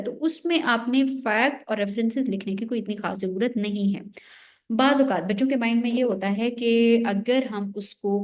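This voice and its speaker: A young woman teacher with a slightly high, slightly mellow voice lectures on essay writing for an exam-prep course. She explains step by step, often posing a question and then answering it herself.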